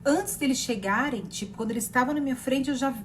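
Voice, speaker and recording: A woman in her thirties with a Brazilian accent, a therapist telling a personal story in a rambling, animated way with many fillers and repeated words. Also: high voice, fast, a little hiss or hum. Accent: Brazilian Portuguese. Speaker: therapist sharing personal experience.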